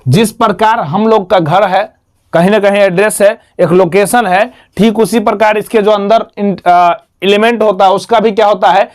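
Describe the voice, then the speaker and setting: A man's voice: high-pitched, fairly even intonation, normal speed. A man teaching a math lesson, repeating each term and asking and answering his own questions. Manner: repetitive, quizzes himself with questions and answers.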